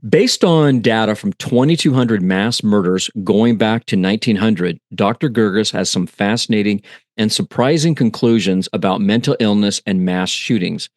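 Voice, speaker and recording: A man co-hosting a podcast with a low, steady voice and an upbeat, welcoming delivery. His voice sounds close and dry, with no room behind it. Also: normal speed, dry recording. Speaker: podcast co-host. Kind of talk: podcast interview.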